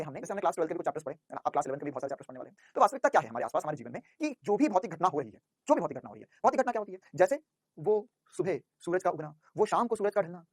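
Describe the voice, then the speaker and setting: A man's voice: sits high, dry recording, studio quality. A man teaching a physics class, who asks questions and answers them himself and calls his students "बेटा".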